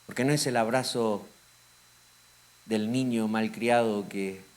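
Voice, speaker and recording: A man pastor preaching a sermon with a Rioplatense Spanish accent, swinging from loud emphatic lines to hushed, intimate ones. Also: on the low side, steady tone, slow.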